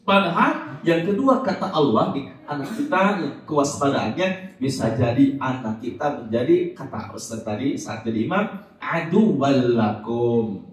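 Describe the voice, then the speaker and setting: A man preaching a religious study talk to an audience, lively and acting out parents' voices, sometimes reciting Arabic verses slowly. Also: medium pitch. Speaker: Islamic preacher. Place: large hall before an audience. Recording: echoey hall, voice from far off.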